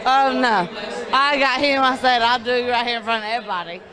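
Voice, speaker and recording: A woman's voice: a little high, fairly even intonation, brisk, crowd noise. A young woman from Georgia giving a brash, rambling interview into a handheld microphone. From Georgia, United States. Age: young adult. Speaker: interviewee at a monster truck event. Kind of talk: boisterous vox-pop interview. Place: busy arena concourse.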